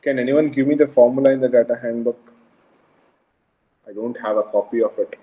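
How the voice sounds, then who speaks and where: A man's voice: mid-range voice, a little fast. Man, South Indian Kannada accent, informal online lecturer, step-by-step explanation, frequent questions, repeated phrases, lo-fi dull sound. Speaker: engineering lecturer. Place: online class over a video call, screen shared. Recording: dull lo-fi online call audio.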